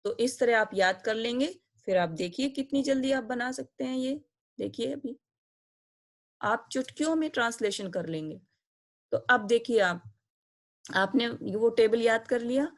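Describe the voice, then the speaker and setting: A woman with a fairly high voice teaches an online grammar lesson. She explains each step patiently and slows right down to recite endings one by one, deliberate and clear. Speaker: Sanskrit teacher.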